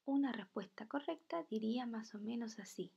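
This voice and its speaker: A woman teaching a children's video lesson, reading words slowly and carefully. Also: a little high, lively intonation, vocal fry, mellow, breathy edge, lo-fi sound.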